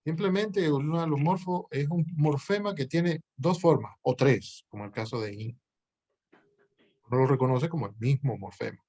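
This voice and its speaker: A male language professor explaining grammar to his students, patient and thinking aloud, with pauses and self-corrections. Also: fairly high pitch, darkish tone, husky.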